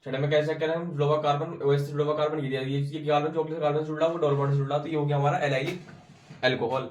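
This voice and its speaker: A man's voice: fairly high pitch, flat delivery, rapid-fire. A young man tutoring chemistry informally, drilling each step and repeating answers. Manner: drills step by step, repeats answers, teasing and pushy when challenged. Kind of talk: informal classroom explanation. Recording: roomy echo, recorded from a distance.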